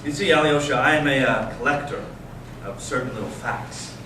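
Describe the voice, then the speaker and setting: Reading a drama in readers theater style, a man voices a searching, provocative young Russian intellectual brother, bitter and intense. His mid-range voice is lightly acted, deliberate and earnest, with dramatic pauses and a grave, indignant mood. The sound is very echoey and noisy, picked up by a distant mic in an amateur recording.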